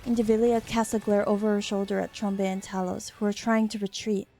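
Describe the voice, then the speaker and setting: A woman's voice: medium pitch, level tone, fairly quick, warm tone. Woman narrating game story over music. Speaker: streamer reading game story aloud. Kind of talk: dramatic scripted story narration.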